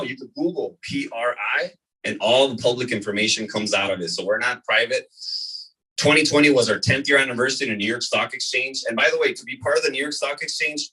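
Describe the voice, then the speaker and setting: Energetic man pitching to a room. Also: slightly rough. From California desert, US. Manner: energetic, repeats points, asks "right?". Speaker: presenter at a business opportunity meeting. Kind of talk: live sales presentation to a room. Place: meeting room before an audience. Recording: voice from far off in a room.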